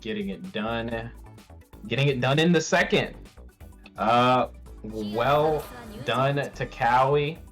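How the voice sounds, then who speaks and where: A man's voice: mid-range voice, slow pace, fairly bright tone, soft background music. Man doing hype fighting-game play-by-play. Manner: dramatic, hyping the players. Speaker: esports commentator.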